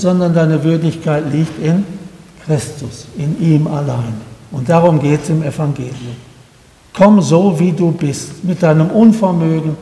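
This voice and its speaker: Man, preacher, sermon, earnest, pleading, high voice, mellow, long reverb. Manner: earnest, pleading, asks the congregation direct questions.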